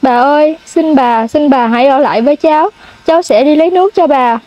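A woman's voice: sits high, a little fast, warm tone, close to an everyday voice. Young woman reading as a remorseful little boy. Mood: pleading. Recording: dull lo-fi sound.

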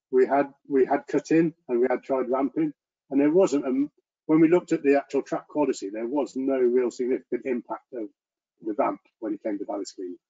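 A man presenting to an engineering meeting over a video call, talking earnestly in a monotone with frequent restarts. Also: medium pitch, husky. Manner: self-described monotone delivery. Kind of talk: online presentation and Q&A. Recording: muffled lo-fi video call audio.

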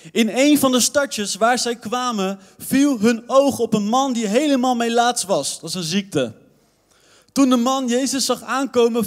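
A young man, a youth pastor with a Dutch accent, preaching a lively sermon with playful asides to the audience. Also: very high-pitched. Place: church hall. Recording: long reverb of a church hall.

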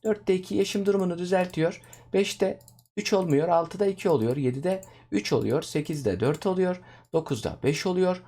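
A young man with a slightly high voice talks his viewers through his game session. His commentary is casual and chatty, and he calls out to his audience as friends. He gets excitable easily. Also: normal speed. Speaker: gaming YouTuber.

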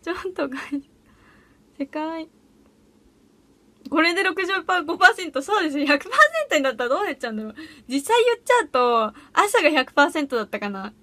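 Fast, pushed and bright, this high-pitched, expressive voice belongs to a teenage girl on an audition livestream. The recording is dry; she's alone in a small room at home, chatting casually and giggling bubbly replies to viewer comments.

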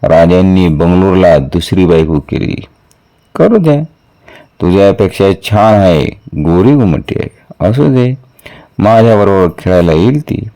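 A man's voice: low voice, sing-song, unhurried, long pauses, warm tone, heavily acted. A man voicing a stern but affectionate older royal mother-in-law who teases and scolds. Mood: teasing fond. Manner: teasing, scolding, fond.

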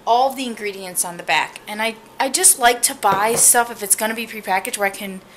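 Filming herself handheld at arm's length, a family vlogger talks cheerfully straight to her audience, first in the car and then around her kitchen and living room. Her voice is medium-pitched and fairly bright, over a slight hiss or hum.

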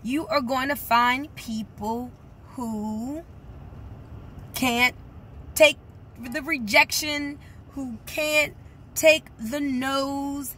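A woman's voice: high voice, fairly bright tone, a little hiss or hum. A woman giving a motivational talk as a network marketing coach, speaking directly to her viewers with emphatic encouragement.

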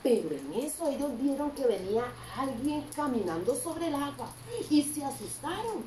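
A woman tells a children's Bible story, her fairly high voice leaping around expressively as she questions her young listeners. She sounds a little distant from the mic in a roomy, echoing space with a faint hum behind her. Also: big pitch swings, normal speed, dark tone. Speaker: Sunday school teacher.

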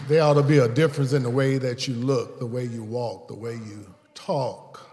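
A man, preaching a sermon as pastor and calling out to the congregation, often building louder and higher for emphasis. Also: steady tone, normal speed. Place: large church sanctuary. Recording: long reverb of a large hall.

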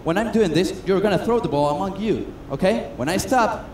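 Man, high voice, chatty self-mocking magician patter; echoey stage, noisy room. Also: animated, brisk, darkish tone. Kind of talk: comedic stage patter with audience. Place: cruise ship stage. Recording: echoey stage sound with noise.

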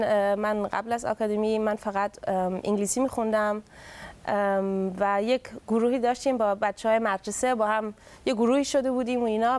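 A woman's voice: medium pitch, a little mellow. A young woman from Germany with a Mashhadi Persian accent tinged by German, chatting cheerfully as a guest singer on a talk show. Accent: Mashhadi Persian with German influence. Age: young adult. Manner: giggly, cheerful, easygoing. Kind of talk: casual interview chat.

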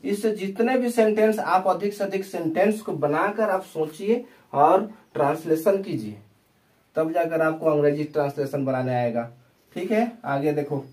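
Slow, questioning male Hindi grammar teacher. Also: on the high side, a little mellow, far from the mic. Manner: slow, repetitive, asks and answers his own questions. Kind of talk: classroom lesson explaining tenses.

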